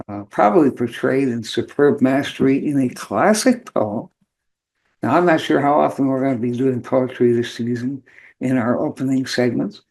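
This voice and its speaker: A man with a hoarse, worn voice hosting a show in an informal, halting monologue with rambling asides. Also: medium pitch, warm tone, low-quality recording. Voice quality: hoarse, beat-up voice. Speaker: host of a spirituality show.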